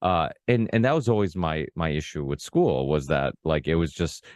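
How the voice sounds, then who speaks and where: A Portuguese-born man of about forty, a native Portuguese speaker, hosts a casual long-form podcast conversation, rambling with many restarts and lots of "you know, like". His bass voice is animated and a little mellow, at a moderate pace. The recording is dry, with clean studio sound.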